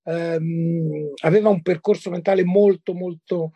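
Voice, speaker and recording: A man's voice: a little high, steady tone, measured pace, breathy edge, no room sound, highs cut off. An older man from Italy recalling past encounters as a guest, hesitant, with many fillers and repeated words. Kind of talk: conversational recollection.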